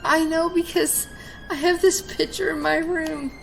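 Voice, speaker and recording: A frightened young heiress, as a woman plays her, high-voiced and slow, her voice shaky and close to tears. Strong music sits behind her in this audio drama. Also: level tone, creaky, a bit bright, full character voice, rough recording. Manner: shaky and anxious, crying at times.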